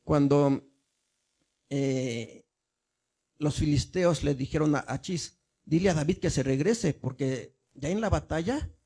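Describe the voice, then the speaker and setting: Man preaching with husky mellow voice. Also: a little high, slow pace, long pauses. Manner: explains step by step, asks the congregation questions. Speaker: minister. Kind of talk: teaching sermon. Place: church.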